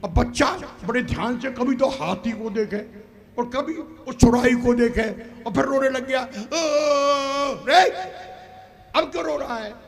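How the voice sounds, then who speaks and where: A man playing a saint who tells a lively parable, acting out a crying child, and gently refuses a request. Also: very high-pitched, slow, vocal fry, heavily acted. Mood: storytelling. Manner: animated storyteller, acts out voices. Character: wise saint, storytelling elder. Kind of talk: folk stage play.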